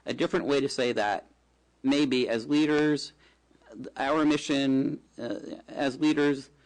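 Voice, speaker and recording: A man on a city parks commission, reading a draft mission statement aloud slowly at a meeting. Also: medium pitch, fairly even intonation, poor audio. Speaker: commission member. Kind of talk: committee discussion.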